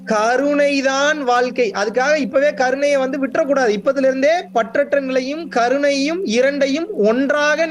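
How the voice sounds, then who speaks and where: A young man speaking as a spiritual teacher, explaining to his listeners with emphatic repetition and frequent questions. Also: extremely high pitch. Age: young adult. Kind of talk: spiritual discourse to an audience.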